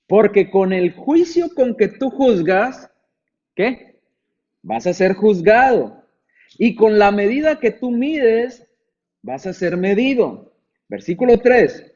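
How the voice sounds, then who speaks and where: A man with a high-pitched voice preaches a sermon in a conversational way. He asks rhetorical questions and acts out the replies of imagined listeners. The recording sounds dull and lo-fi. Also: a little mellow.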